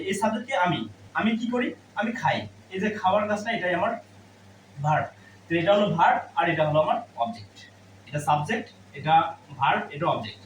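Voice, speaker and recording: Explaining grammar one step at a time, this man has a high, fairly bright voice and raises questions only to answer them himself. The recording has a roomy, far-off mic quality and a faint hum of background noise.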